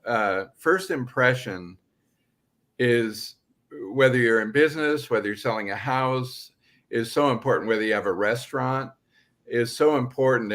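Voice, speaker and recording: A man's voice: fairly low pitch, a bit bright. An older man co-hosting a real estate podcast, talking earnestly and casually with a Pacific Northwest American accent. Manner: earnest, agreeable, short affirmations. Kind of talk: casual chat.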